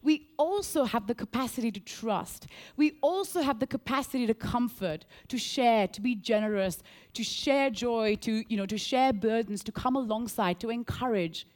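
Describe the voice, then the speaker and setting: A woman from Sri Lanka preaching a sermon, earnest and animated, repeating key phrases and telling a story. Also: on the high side, normal speed.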